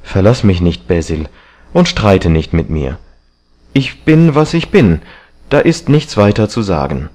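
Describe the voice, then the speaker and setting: A man's voice: low-pitched, very animated, unhurried, darkish tone, heavily acted. A man reading an audiobook, voicing a vain, agitated young man who talks in a heated, raised voice. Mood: pleading.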